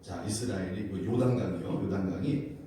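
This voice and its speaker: A man's voice: medium pitch, big pitch swings, brisk, dark tone. A man, a pastor, preaching a Wednesday prayer service sermon, asking the congregation questions and telling the story with animation. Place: church sanctuary. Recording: very echoey church, distant mic, faint hiss.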